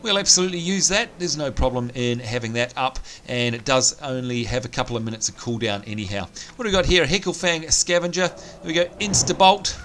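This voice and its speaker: A let's play host with a strained, nearly lost voice keeps up upbeat, chatty commentary and thinks aloud while playing. His mid-range, slightly bright voice moves a little fast with few pauses. Game sounds and music sit behind a slight hiss or hum.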